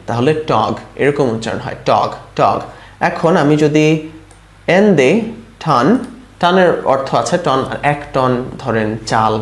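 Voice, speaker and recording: Male phonics teacher, mid-pitched, patient, spells out syllables, echoey room. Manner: slow, sounds words out syllable by syllable, often asks "right?". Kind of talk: informal online lesson.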